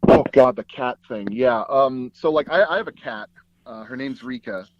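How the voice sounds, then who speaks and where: Speaking at a medium pitch and moderate pace, a man in a casual interview rambles through stories with plenty of "like" and restarted phrases, telling them animatedly. He works as a sound designer and audio drama producer, and his recording comes from a small padded closet booth, with no echo and its highs cut off.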